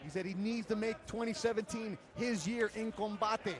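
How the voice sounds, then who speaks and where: A man's voice: sits high, fairly even intonation, normal speed, a crowd in the background. A man calling a live MMA fight play-by-play, emphatic and given to storytelling.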